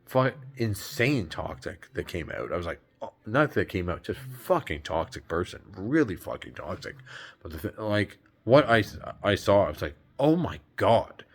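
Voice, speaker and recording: Low-voiced man, rambling and exasperated monologue, salty language. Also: big pitch swings, normal speed, slightly rough. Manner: rambling, exasperated, swears, acts out quoted women. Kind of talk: casual spiritual rant.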